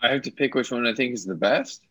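A man's voice: mid-range voice, quick pace, fairly bright tone. A man who is a guest on a casual podcast, answering in a laid-back, hesitant way with lots of fillers.

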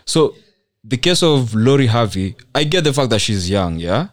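A man's voice: medium pitch, sing-song, moderate pace, no echo. A young Kenyan man in casual, slangy debate, provocative and insistent, often repeating himself and switching between English and Swahili.

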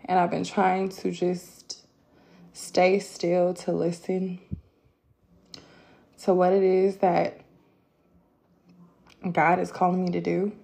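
A woman hosting her own podcast, talking casually and reflectively with many fillers and pauses, candid and personal. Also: fairly low pitch, completely flat delivery, gravelly, dark tone. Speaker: podcast host. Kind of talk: casual solo podcast talk.

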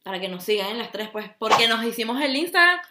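A woman's voice: a little high, quick pace, reverberant, background noise. A young woman with a Venezuelan accent co-hosting a casual podcast, telling stories with lots of laughter. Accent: Venezuelan Spanish. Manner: animated storyteller, laughs often. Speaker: podcast co-host. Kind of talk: casual chat. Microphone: mic with garlands.

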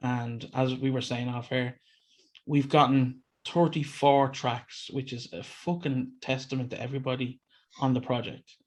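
A man's voice: mid-range voice, steady tone, a little slow. A man with an Irish accent hosting a casual chat in an informal, bantering way. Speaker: podcast host. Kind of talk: casual chat, introducing guests.

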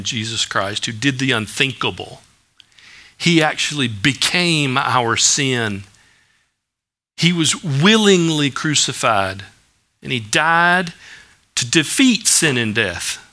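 A man preaches in a relaxed, conversational style, full of everyday stories and asides. His voice is bright and forward and sits a little high for a man. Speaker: pastor. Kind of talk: sermon.

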